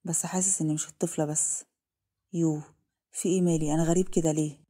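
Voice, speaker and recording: A woman with an Egyptian Arabic accent voicing a tender, earnest young man in a told story, speaking softly and affectionately. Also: low-pitched, little pitch movement, fast talker. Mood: puzzled.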